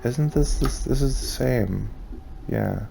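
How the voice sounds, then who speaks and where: A man's voice: medium pitch, slow pace, gravelly, music in the background. A man giving casual let's play commentary on a horror game, swearing offhandedly and reading game notes aloud in a mock-dramatic voice. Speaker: gamer playing a horror game.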